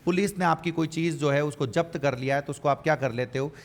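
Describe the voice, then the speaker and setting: A man's voice: fairly high pitch, fast, big-room sound. A male teacher giving an exam-prep vocabulary lecture, repeating key words and answering his own questions.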